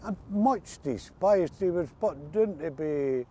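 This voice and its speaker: Here an interview guest with an Ulster Scots accent reminisces in easygoing, folksy dialect about words from his area. He speaks slowly in a fairly high, expressive voice with a dark tone.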